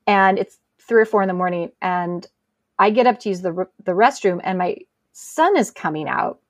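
A middle-aged woman chatting as a podcast guest, telling animated stories and acting out quotes. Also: medium pitch, moderate pace, dry recording, studio quality. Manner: animated storyteller, acts out quotes. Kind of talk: casual chat.

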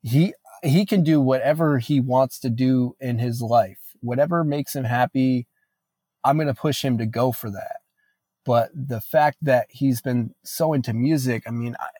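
A man's voice: medium pitch, unhurried, dark tone, no echo. Earnest man in his late twenties. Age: late 20s. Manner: earnest, reflective, frequent "you know" fillers. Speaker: guest musician. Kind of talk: casual interview.

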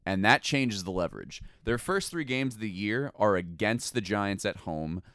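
A man's voice: on the low side, moderate pace, no room sound, clean studio sound. A man co-hosting a casual sports podcast, arguing his points with energy and the odd swear word. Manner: animated, argumentative, swears casually. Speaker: podcast co-host.

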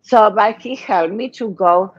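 An older woman from Argentina with a Spanish accent, telling her life story as a guest in a casual interview, in halting non-native English. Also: medium pitch, breathy edge, no room sound, dull audio. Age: 60s or older.

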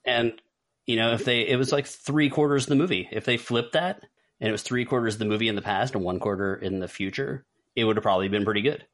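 This podcast co-host has a medium-pitched, fairly bright voice and a fast delivery. He ranks films in a relaxed conversation, drifting into rambling side comments.

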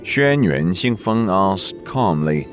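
A man narrating a story in a slow, expressive reading voice. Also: low-pitched, soft background music.

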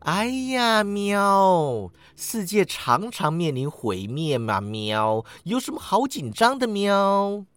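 A man's voice: on the high side, very animated, a little slow, a bit bright, no room sound. A man voicing a smug meowing orange cat. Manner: ends lines with a meow, drawling. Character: smug lazy male talking orange cat.

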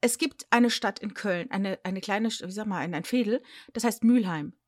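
A woman's voice: medium pitch, normal speed, no echo, studio quality. A woman co-hosting a casual podcast chat, pedantically correcting spellings and pronunciations, spelling words out letter by letter, and joking at her own expense. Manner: self-deprecating and animated when explaining. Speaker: podcast co-host.

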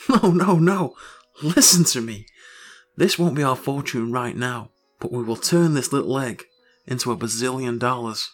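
Man acting excitable scheming farmer husband. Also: mid-range voice, moderate pace, soft background music, natural voice. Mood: excited, insistent. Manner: excitable, grandiose, rambling enthusiasm. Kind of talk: audio story acting.

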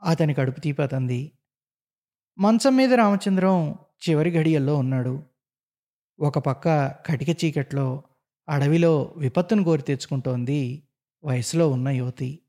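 A man narrating a story in an expressive, dramatic reading. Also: fairly high pitch, a little slow, pauses often.

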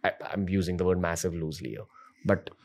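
A man with an Indian accent, interviewing conversationally as a podcast host, with deliberate, politely hedged questions. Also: sits low, darkish tone.

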